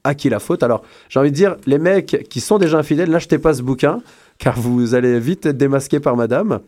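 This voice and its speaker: A man hosting a radio chat in a studio, voice sitting at an ordinary middle pitch. He jokes and teases in a loose, playful way, with frequent fillers. Relaxed, casual radio talk. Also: a little fast. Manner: playful, teasing, hesitant with fillers. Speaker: radio show host.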